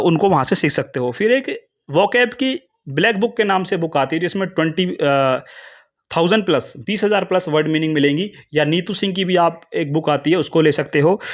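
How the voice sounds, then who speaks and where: A man with an Indian English accent teaching an English grammar lesson in Hindi, explaining step by step and reading English definitions slowly. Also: on the high side. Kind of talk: classroom lecture in Hindi mixing English terms.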